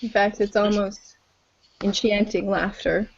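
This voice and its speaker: A woman narrating as game master in a tabletop game, halting with many ums and frequent laughs. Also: medium pitch, flat delivery, gravelly, highs cut off.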